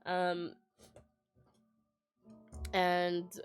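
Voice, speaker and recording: A woman's voice: fairly low pitch, completely flat delivery, drawn-out words, faint music behind. A young woman chatting casually as a vlogger, telling a personal story in a meandering way with many fillers, restarts and laughs. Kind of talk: casual rambling chat.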